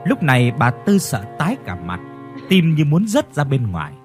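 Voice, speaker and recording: Male narrator, horror story, lively higher voice, soft music behind. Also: normal speed. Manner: dramatic storytelling.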